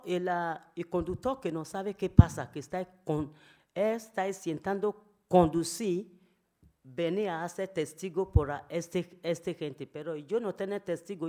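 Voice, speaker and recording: A woman who is not a native Spanish speaker, speaking halting learner's Spanish with many fillers and an emotional, pleading tone as she gives a personal testimony. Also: sits low, dark tone.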